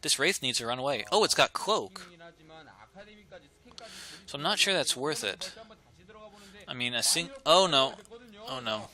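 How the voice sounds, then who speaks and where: Bright-voiced excitable esports commentator, a man. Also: medium pitch, unhurried, pauses often, low-quality recording. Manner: excitable, laughs and gasps at big plays. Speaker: game commentator.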